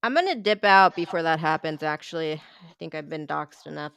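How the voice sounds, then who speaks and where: A woman's voice: sits low, expressive, brisk, gravelly, a bit bright, clear, resonant tone, no echo. A woman in a casual voice chat, talking bluntly and confrontationally, swearing often. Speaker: voice chat participant.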